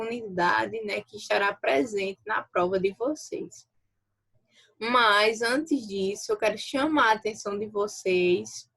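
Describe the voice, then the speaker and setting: Brazilian woman teacher, rather high voice. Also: creaky, a bit bright, breathy edge. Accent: Brazilian Portuguese. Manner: explanatory, checks in with frequent rhetorical tags. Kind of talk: recorded video lesson.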